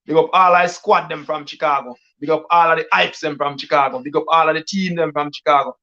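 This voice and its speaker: This Jamaican man hosts a live stream as a DJ, rattling off patois-laced shout-outs and hype. His voice sits a touch high for a man, and the stream audio sounds dull and lo-fi. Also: steady tone, quick pace. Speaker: DJ and livestream host. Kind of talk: casual live-stream chat.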